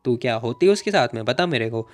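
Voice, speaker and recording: A man's voice: medium pitch, lively intonation, a little fast, pitched below the performer's own voice, lightly acted. A man voicing a bold, defiant young woman who taunts and threatens her rival in a storytelling recap.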